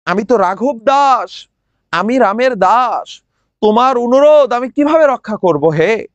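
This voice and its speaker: A man voicing an older uncle who calmly and firmly refuses a plea, speaking. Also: extremely high pitch, a little slow, no room sound, highs cut off. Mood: calm refusal.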